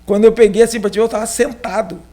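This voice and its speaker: In a fast, mellow, high voice with fairly even intonation, an interviewed pastor relaxedly recounts a personal story on a podcast. His southern Brazilian Rio Grande do Sul accent comes through as he wanders along, leaning heavily on fillers.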